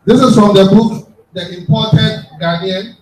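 Man, fairly high voice, slow measured reading, echoey room, faint noise. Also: fairly even intonation, recorded from a distance. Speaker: presenter at a book reading. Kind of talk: reading an excerpt and introducing a writer.

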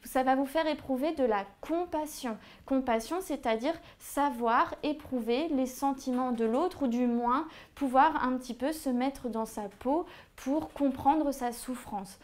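A woman's voice: high-pitched, a little slow, a little mellow. Woman, young adult, teacher, revision lesson, hesitant, filler-heavy, writing on a board while talking. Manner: hesitant, many "euh" fillers.

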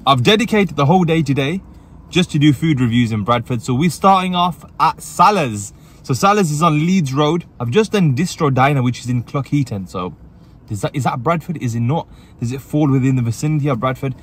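A man's voice: a little high, animated, fairly quick, slightly rough. A man reviewing food in a parked car, chatty and upbeat, talking while he eats. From England. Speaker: food reviewer and channel host. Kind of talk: casual food review vlog.

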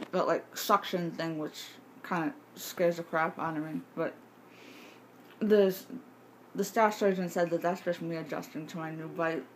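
A woman in her twenties or thirties chatting casually to camera in a halting, rambling way, her speech slightly impeded by a bite splint wired in her mouth. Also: lowish voice, rough recording. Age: 20s to 30s. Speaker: vlogger showing jaw surgery recovery. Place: home kitchen. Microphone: phone at arm's length. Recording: faint background noise, handheld device.

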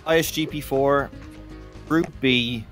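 Casting: male race host, Irish accent, mid-pitched, casual commentary with prominent game music underneath. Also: slow, fairly bright tone. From Ireland. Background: video game music.

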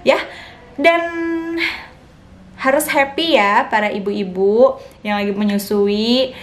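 A woman's voice: mid-range voice, takes it slowly, slight background noise. A young woman, chatting frankly to her viewers as a vlogger and new mother, and acting out what others said to her in a raised voice. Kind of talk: casual chat to viewers.

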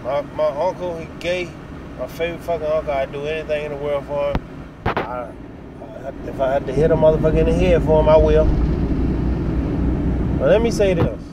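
Sitting in a vehicle cab that's parked or moving, a middle-aged American man vlogs a blunt, laid-back monologue laced with profanity into a phone held at arm's length. His voice is a little high with fairly even intonation, moving at a moderate pace broken by long pauses. Car and air conditioning hum fill the background of this phone recording with clear vehicle noise.

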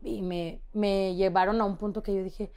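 A woman's voice: medium pitch, moderate pace, smooth. A young woman with a Mexican accent, telling personal stories as a podcast guest and acting out the voices of people she quotes. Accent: Mexican Spanish. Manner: lively storyteller who acts out quoted voices. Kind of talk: casual storytelling interview.

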